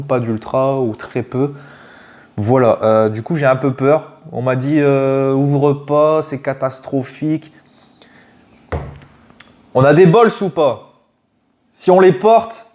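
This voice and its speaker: Opening trading card packs in a casual unboxing chat, a man with a French accent gets excitable, swearing and breaking into sudden shouts. His voice is medium in pitch and a little slow.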